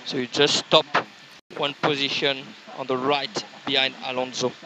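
A man's voice: mid-range voice, flat delivery, normal speed, sharp tone. A man working as a race engineer, giving methodically repeated instructions over race car onboard team radio with a radio filter. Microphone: radio headset. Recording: race car onboard radio, noisy, clicks, vehicle sound.

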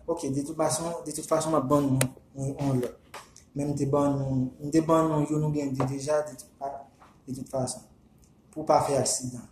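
A man with a Haitian accent, a vodou practitioner whose first language is Haitian Creole, giving casual spoken instructions in a halting, repetitive way and slowly chanting names. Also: medium pitch, warm tone, reverberant, slight background noise.

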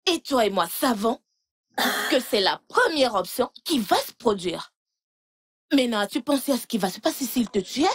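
A woman dubbing a film role as a calm older sister who pleads, soothes and repeats herself. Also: high voice. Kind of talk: dubbed film acting.

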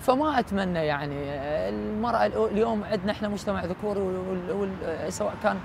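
Iraqi male cleric as interview guest, quick but halting, high-set voice, clear traffic noise behind. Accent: Iraqi Arabic. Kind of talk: reflective interview talk. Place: outdoors at night in a city park.

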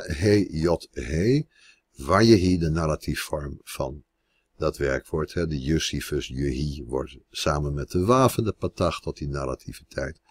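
A man with a very low, husky voice teaches Hebrew grammar at an unhurried pace. He talks slowly and deliberately and leans on each Hebrew term. The sound is dry and close. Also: no echo. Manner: slow and deliberate, stressing Hebrew words. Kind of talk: grammar lecture.

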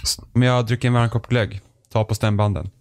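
A man's voice: lowish voice, steady tone, no room sound, clean studio sound. A man with a Swedish accent co-hosting a casual podcast, blunt and opinionated. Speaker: podcast co-host. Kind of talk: casual chat.

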